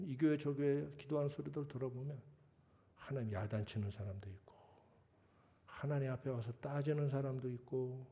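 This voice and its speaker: A man's voice: fairly high pitch, mellow. A middle-aged male pastor preaching a sermon in a conversational, scolding and joking way, acting out prayers. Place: church sanctuary.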